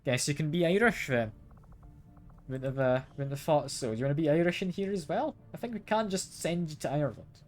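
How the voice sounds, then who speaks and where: A man's voice: on the high side, a little fast, a little mellow, faint music behind. A man streaming a game live, chatting casually, asking his viewers questions and chuckling often. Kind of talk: casual live gameplay chat.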